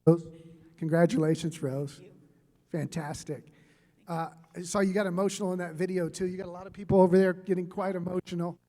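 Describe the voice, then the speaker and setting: A man emceeing a live ceremony in an upbeat, brisk way. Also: sits high, fairly even intonation, mellow. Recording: long hall reverb.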